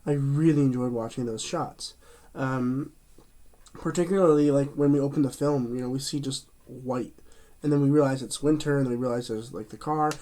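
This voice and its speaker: Warm, steady and medium in pitch, a man's voice moves at an ordinary pace as he hosts his own film review channel. A cold makes him a bit nasal and congested, and his casual chat wanders with frequent fillers and restarts.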